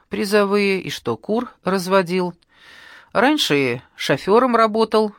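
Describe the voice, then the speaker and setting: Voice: mid-range voice, dry recording, studio quality, pitched above the performer's own voice, close to an everyday voice. A narrator voicing a chatty male investigator. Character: thoughtful male investigator from Russia.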